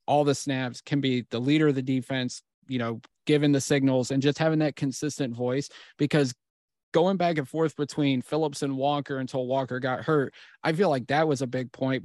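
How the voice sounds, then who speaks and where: A man co-hosting a casual sports podcast, talking through the game in a measured, analytical way. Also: medium pitch, darkish tone, no room sound, clean studio sound. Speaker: podcast co-host.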